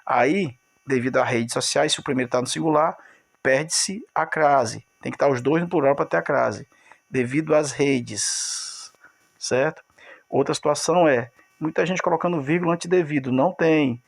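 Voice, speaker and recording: Gravelly male teacher, lively lesson. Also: a little high, normal speed. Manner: explains step by step, repeats key words, addresses students directly. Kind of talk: recorded video lesson.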